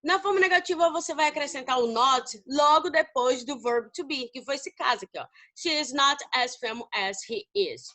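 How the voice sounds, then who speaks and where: A woman's voice: high voice, moderate pace, few pauses, pushed and bright. A woman with a Brazilian Portuguese accent teaching an English grammar lesson. She asks questions and answers them herself, and calls her students babies.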